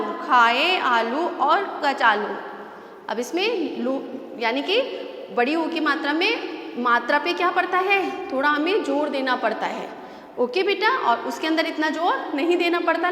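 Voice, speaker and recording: High-voiced woman teaching children. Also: fairly bright tone. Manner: patient, repeats and asks the children questions. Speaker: primary school teacher. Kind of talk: online class lesson. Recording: echoey room with long reverb, faint ambience.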